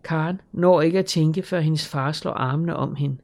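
An audiobook narrator reading a children's novel at an even, measured pace. The voice sits at a middle pitch and carries a noticeable gravelly creak. The delivery stays calm and story-focused.

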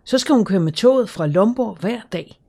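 A woman calmly narrating a children's story in a measured, scripted reading. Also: medium pitch. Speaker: audiobook narrator.

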